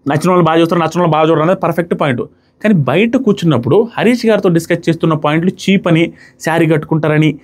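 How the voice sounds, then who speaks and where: A man giving a casual, animated review of a reality show, mixing English words into his talk. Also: a little high. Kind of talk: casual commentary.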